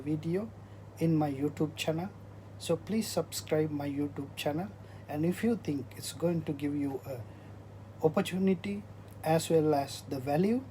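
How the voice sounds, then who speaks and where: A man from Sri Lanka, giving an earnest slide presentation and sales pitch, stressing key words. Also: dark tone, slight background noise. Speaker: product distributor presenting.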